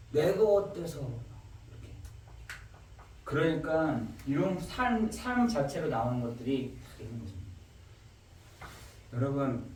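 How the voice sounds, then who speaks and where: Male pastor, expressive swooping sermon delivery, slightly high voice, distant mic in a reverberant church. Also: slight background noise. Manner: animated preaching, acts out questions to God. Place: church sanctuary.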